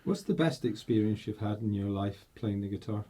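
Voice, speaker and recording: A man interviewing a guitarist and asking questions in a measured, slightly formal way. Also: lowish voice, mellow, slight background noise.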